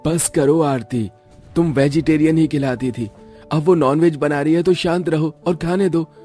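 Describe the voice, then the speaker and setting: A man voicing a relaxed young husband and brother-in-law in a cartoon story, casual and offhand. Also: fairly high pitch, normal speed, faint music behind, lightly acted. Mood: dismissive.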